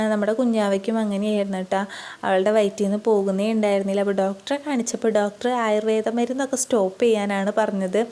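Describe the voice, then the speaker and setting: A young mother with a Keralan Malayalam accent, chatting softly in a dubbed vlog voice-over from home. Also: fairly high pitch. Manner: soft, chatty, often adds a friendly tag to her sentences. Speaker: vlogger, mother of two. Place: room at home with a baby beside her.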